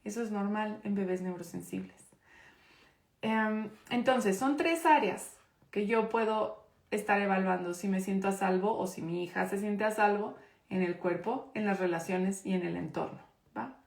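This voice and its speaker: A woman's voice: medium pitch, moderate pace, gravelly, a little mellow. Emphatic woman teaching in an echoey room. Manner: conversational, checks in with the audience often; emphatic, stresses key points. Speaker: parenting course instructor. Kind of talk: live online class.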